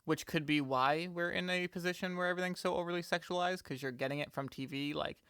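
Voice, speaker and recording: Man, twenties, casual podcast chat, smooth voice, higher pitch, candid. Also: steady tone, quick pace, sharp tone, no echo, clean studio sound. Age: 20s. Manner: loose, candid, swearing freely. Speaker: podcast co-host.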